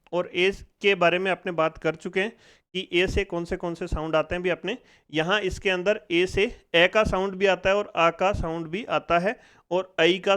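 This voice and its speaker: A man teaches a phonics lesson, his voice pitched high and smooth. He puts each question to the class again and again, breaking every sound down step by step. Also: fairly bright tone. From India.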